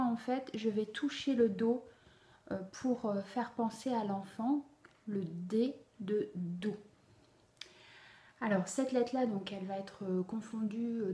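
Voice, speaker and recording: A woman's voice: medium pitch, warm tone. Patient woman explaining in a roomy echo. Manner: patient, explanatory, addressing parents. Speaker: reading teacher. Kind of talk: instructional video explanation.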